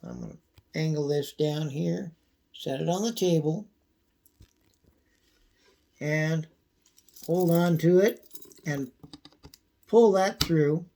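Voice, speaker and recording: Slow-talking man with a squeaky, thin, cold-affected voice. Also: dark tone. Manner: folksy, unhurried, frequent throat clearing. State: squeaky, congested voice from a coming cold. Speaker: video host demonstrating pocket knife care. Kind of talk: casual how-to demonstration.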